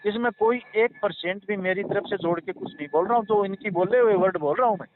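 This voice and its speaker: Over a tinny phone line with faint noise, a high-voiced man talks fast in a casual conversation. He explains and reassures, rambling, repeating himself and sounding earnest.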